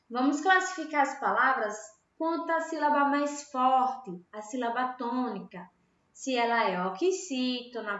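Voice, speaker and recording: A Brazilian woman teaching young pupils a grammar lesson, slow and patient, asking questions and answering them herself. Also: high voice, sharp tone. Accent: Brazilian Portuguese. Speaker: primary school teacher. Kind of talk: recorded online grammar lesson. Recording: echoey room, dull lo-fi home recording.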